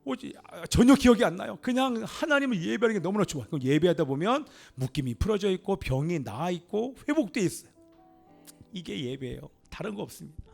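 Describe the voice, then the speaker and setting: A middle-aged male pastor preaches in a church with a high, gravelly voice. He presses his points hard and swells into fervent exclamations. Soft music plays faintly underneath. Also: lively intonation, a little fast. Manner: emphatic preaching, rises to exclamations and calls of amen. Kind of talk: sermon. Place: church sanctuary.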